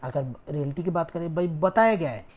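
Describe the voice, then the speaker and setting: A woman with a low, expressive, slightly mellow voice speaks a little fast, and the audio is dull. She teaches an online exam-prep lecture step by step, repeating key words for emphasis and checking in often with "ठीक है".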